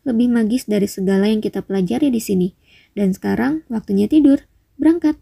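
A woman reading an audiobook voices a genial old headmaster who loves music, speaking gently and slowly. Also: mid-range voice, creaky, slightly rough. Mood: sentimental.

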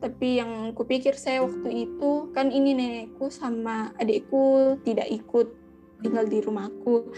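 Young woman, slightly high voice, telling her faith testimony casually, repeats stuff, guitar music behind. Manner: conversational, repeats words for emphasis, peppers talk with local particles. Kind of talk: personal faith testimony storytelling. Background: soft guitar music.

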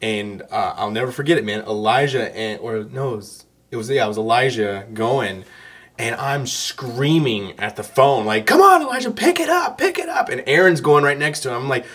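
A man guest on a casual podcast, telling animated stories and acting out his own yelling. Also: medium pitch, normal speed.

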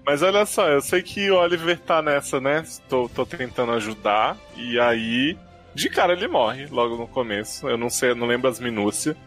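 A man with a Brazilian Portuguese accent hosting a casual podcast chat. He talks in an animated way, laughs often and swears casually. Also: mid-range voice, normal speed, soft background music. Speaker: podcast host.

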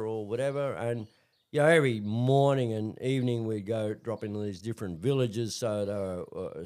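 A man's voice: a little high, darkish tone, clean tone. A man with an Australian accent, a guest telling stories in a casual, rambling chat full of fillers and restarts. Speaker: interview guest. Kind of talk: casual storytelling.

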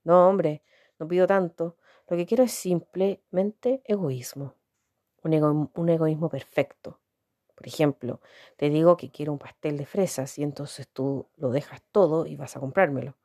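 Female reader doing a blunt lonely young woman, low mellow voice, candid and halting, storybook reading. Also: no room sound, clean studio sound. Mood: wistful. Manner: candid, musing, hesitant restarts.

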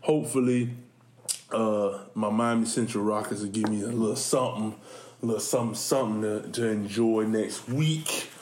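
A man's voice: on the low side, steady tone, moderate pace, darkish tone, a little hiss or hum. A man co-hosting a casual podcast, telling stories animatedly with lots of laughter and repeated words. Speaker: podcast co-host and school coach. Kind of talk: casual chat. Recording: echoey room.

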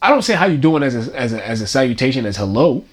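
A man's voice: medium pitch, sing-song, fast talker. A man from Brooklyn with a light Brooklyn accent talks casually and reflectively, emphatically repeating phrases to drive his point home. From Brooklyn, New York. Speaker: actor in conversation.

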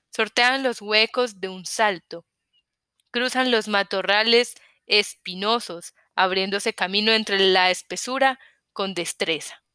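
Bright, crisp female audiobook narrator. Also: mid-range voice, dry recording, studio quality. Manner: measured, first-person storytelling. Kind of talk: scripted narration.

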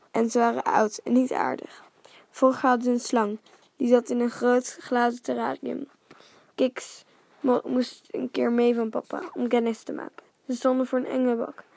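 A woman reads a children's book aloud in a calm, steady way, sometimes sinking to a near whisper. Her voice is fairly high but flat, with a gravelly edge, and the sound is close and dry. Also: dry recording. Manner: calm and steady, dropping to a near whisper at times, with small reading slips. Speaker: storyteller. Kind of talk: reading a children's story aloud.

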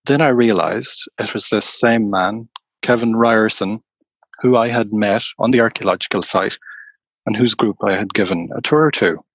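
A man, a tour guide, telling stories slowly and unhurriedly in an interview. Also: fairly low pitch, slightly rough, no room sound. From Ireland. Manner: slow, unhurried anecdotal telling. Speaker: tour guide and storyteller guest. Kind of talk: conversational storytelling interview.

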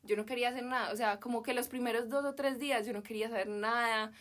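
A woman's voice: a little high, steady tone, fast, a bit bright. A young woman from Colombia with a Medellín accent, chatting as a podcast guest and telling an emotional story full of slang. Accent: Medellín Colombian Spanish. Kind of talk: casual chat.

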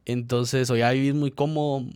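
A man's voice: mid-range voice, normal speed, smooth, no echo. Young man with a dry, close sound. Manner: relaxed, slangy, explains with examples. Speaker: podcast co-host. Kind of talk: casual chat.

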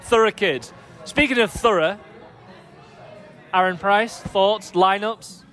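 A man's voice: sits high, slow pace, a bit bright, faint music behind, a faint crowd. A man hosting casual group banter, teasing the others as he puts questions to them. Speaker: quiz host.

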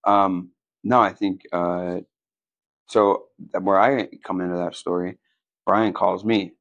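A man's voice: deep voice, fairly even intonation, slow pace, a bit bright, no echo, highs cut off. Upbeat man hosting a casual podcast. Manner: upbeat, prompting, finishes the guest's sentences. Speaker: podcast host. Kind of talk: casual interview chat.

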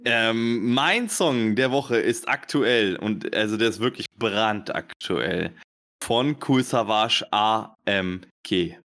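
A man's voice: lowish voice, takes it slowly, fairly bright tone. A man co-hosting a podcast in casual chat, hesitant and often restarting his words. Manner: hesitant, stammering restarts, laughs easily. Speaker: podcast co-host.

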